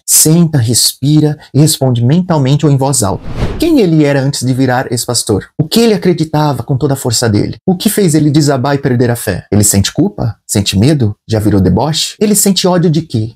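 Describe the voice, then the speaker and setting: A man, giving an energetic step-by-step acting lesson straight to the viewer. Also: medium pitch, a little fast, breathy edge. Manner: energetic, addresses the viewer directly with step-by-step prompts. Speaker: acting coach. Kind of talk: instructional video monologue.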